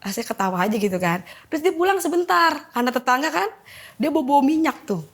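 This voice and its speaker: A woman's voice: high voice, lively intonation, quick pace. A woman giving an emotional personal testimony in an interview, vividly retelling events and acting out the dialogue. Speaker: testimony guest.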